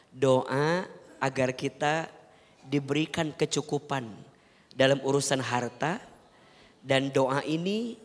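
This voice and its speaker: A man preaching a televised sermon, earnestly advising and keeping the audience engaged with rhetorical questions. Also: medium pitch. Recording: long hall reverb.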